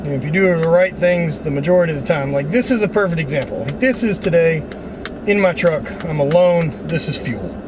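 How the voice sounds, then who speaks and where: A man's voice: a little high, a little fast, noisy background. Blunt, swearing man in his truck. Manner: blunt, swears freely, motivational. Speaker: vlogger. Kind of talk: casual vlog monologue. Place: inside a parked truck. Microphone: camera on the dashboard.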